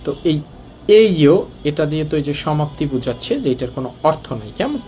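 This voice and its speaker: A man with a colloquial Dhaka accent of Bangladeshi Bengali teaches a Korean lesson in a slightly high, slightly mellow voice. He talks fast with lively intonation, explains things step by step, and asks the class rhetorical questions.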